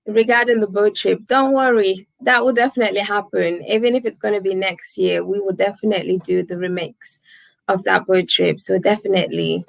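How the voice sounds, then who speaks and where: Livestream host, woman in her twenties, gravelly tone, dry close sound, chatty, laughs a lot. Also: mid-range voice, dry recording, poor audio. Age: 20s. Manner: chatty, laughs often, thanks viewers by name. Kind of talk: casual live chat reading viewer comments.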